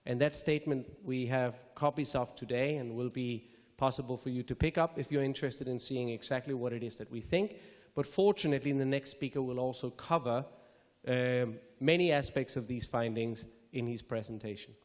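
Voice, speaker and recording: A man from Denmark giving measured, formal opening remarks at a public lecture, with careful phrasing and the odd self-correction. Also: mid-range voice. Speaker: speaker introducing a public lecture. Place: lecture hall. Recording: reverberant lecture hall.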